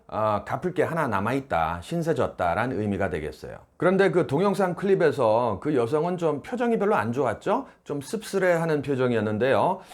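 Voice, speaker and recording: Guy teaching english phrases, lively voice, spells out each phrase slow. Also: mid-range voice. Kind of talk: explaining English phrases on video.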